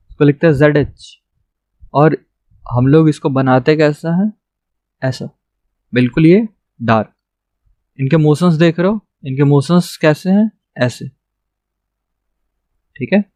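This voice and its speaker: A man's voice: a little high, darkish tone, no echo, clean studio sound. A young man patiently teaching a shorthand lesson, checking in with "theek hai" after each point. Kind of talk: classroom lesson.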